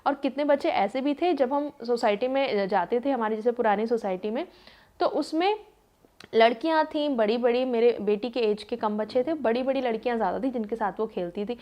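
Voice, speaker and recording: A woman in her thirties tells a personal story in a relaxed, conversational way. Her voice sits a little high, and she leans on fillers. She acts out what others said. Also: brisk, highs cut off. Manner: chatty, lots of fillers, acts out quoted voices. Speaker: vlogger. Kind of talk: casual storytelling monologue.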